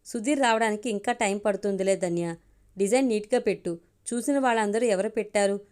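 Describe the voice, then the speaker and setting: A woman's voice: medium pitch, a little fast, a little mellow, clear, resonant tone, natural voice. A woman voicing a playful, smitten young man in a spoken audio story, coaxing and light. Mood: teasing.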